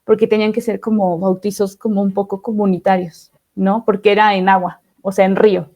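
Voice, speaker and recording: A woman's voice: medium pitch, little pitch movement, brisk, dark tone. A woman, a podcast guest sharing her testimony in a reflective way, often asking "¿no?". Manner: reflective, often ends phrases with "¿no?". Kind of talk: testimony interview.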